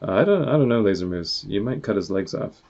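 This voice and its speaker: A man's voice: on the low side, big pitch swings, quick pace, vocal fry, darkish tone, dull audio. A man voicing an eager young male rabbit sidekick in a storybook reading, speaking hesitantly and with worry. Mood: worried, cheerful.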